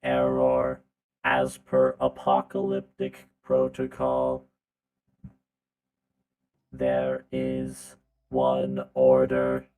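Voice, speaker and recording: A man's voice: extremely low pitch, monotone, extremely slow, pauses often, phone-quality sound, exaggerated voice. A man playing a glitching robot drone. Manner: glitching robot, stuck repeating "error". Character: malfunctioning robot drone, monotone, repeating errors. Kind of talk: tabletop game voice acting.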